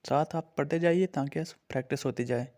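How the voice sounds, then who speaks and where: A man's voice: fairly high pitch, a little fast, a little mellow. A man with an Urdu-influenced accent teaching a beginners' language lesson, patiently naming and repeating each letter for his learners.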